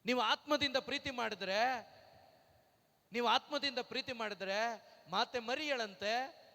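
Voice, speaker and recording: High, bright-voiced man preaching in a hall. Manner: rhetorical questions, repeated hallelujahs; breaks into slow sung lines. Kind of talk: Pentecostal-style sermon. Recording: long reverb in a hall.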